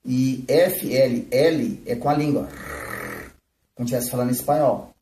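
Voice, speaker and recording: A man's voice: medium pitch, fairly even intonation, normal speed, warm tone, slight background noise. A man giving a live flute lesson, explaining techniques and often checking in with "né?" and "tá?". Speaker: flute teacher. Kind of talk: live-streamed music lesson. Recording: roomy, from a distance.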